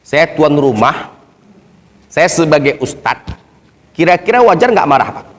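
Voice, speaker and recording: A male preacher telling an emotional story in a sermon, swinging from soft talk to shouting. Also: on the high side, sing-song, a little slow. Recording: long hall reverb.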